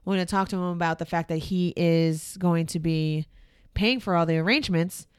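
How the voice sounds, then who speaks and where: An American woman co-hosting a podcast, chatting casually with lots of fillers and sudden lively jumps in pitch. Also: normal speed, clear, resonant tone. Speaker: podcast co-host. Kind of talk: casual chat.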